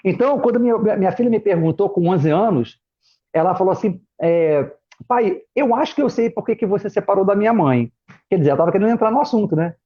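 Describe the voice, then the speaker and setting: A man's voice: high-pitched, fast talker. A middle-aged Brazilian man, a former pastor and guest, telling personal stories in a casual chat, acting out his children's voices. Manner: animated, acts out family members' voices in quotes. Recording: muffled lo-fi live stream audio.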